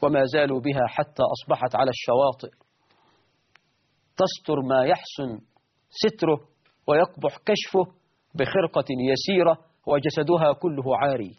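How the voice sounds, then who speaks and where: A man preaching a sermon in an Egyptian Arabic accent, emphatic, rising sharply on key words and slowing down to stress lists. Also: a little high, slightly rough, lo-fi sound.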